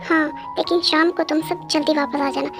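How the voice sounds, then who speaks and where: A woman's voice: high-pitched, flat delivery, fairly quick, gravelly, over music. A woman voicing a commanding, proud middle-aged mother in a fan dub. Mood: bossy. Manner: commanding, scolding.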